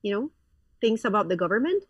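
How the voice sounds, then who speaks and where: A woman's voice: mid-range voice, very animated, a little fast, breathy edge, no room sound, distant mic, lo-fi sound. A woman in her thirties from Colombia, a pastor, talking frankly as a guest in a casual interview, with lots of fillers and restarts.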